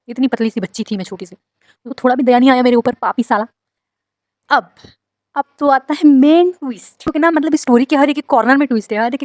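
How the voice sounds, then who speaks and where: A woman's voice: a little high, no room sound. Woman telling a dramatic story, dry sound. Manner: dramatic, indignant storytelling with lively asides. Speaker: vlogger telling a personal story. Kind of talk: casual storytelling.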